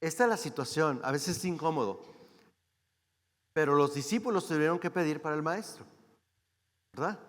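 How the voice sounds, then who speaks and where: A man's voice: a little high, moderate pace, pauses often, big-room sound. A man preaching a sermon as a guest speaker, talking in a conversational way and often asking the congregation questions. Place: church hall.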